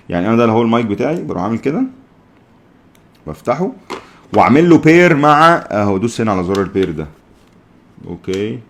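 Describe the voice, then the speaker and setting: A tech vlogger with an Egyptian Arabic accent gives a casual gear review in a low, gravelly voice. He's chatty, repeats himself and talks to the crew filming him.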